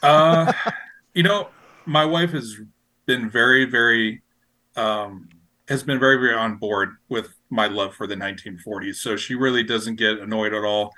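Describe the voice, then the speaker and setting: In a casual podcast interview, a radio station operator rambles and repeats himself as he gropes for words. His voice is lowish, pushed and bright, at a moderate pace, and the recording sounds rough.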